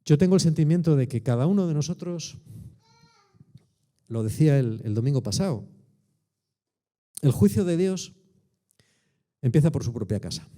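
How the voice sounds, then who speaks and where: A man's voice: medium pitch, mellow. A man in his sixties with a Spanish accent preaching a sermon in a colloquial, emphatic way, full of rhetorical tags. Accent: Spain Spanish. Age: 60s.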